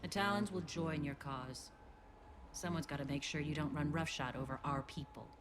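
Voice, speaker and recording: A woman's voice: sits low, moderate pace, background noise, close to an everyday voice. An actress playing a proud, defiant female militia commander in a video game. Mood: firm, defiant. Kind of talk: video game dialogue acting.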